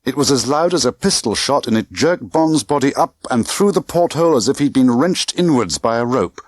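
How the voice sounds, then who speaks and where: The audiobook narrator's medium pitch carries lively intonation as he reads a little fast, staging the spy thriller tensely and theatrically in clipped bursts. It's studio quality, with no room sound.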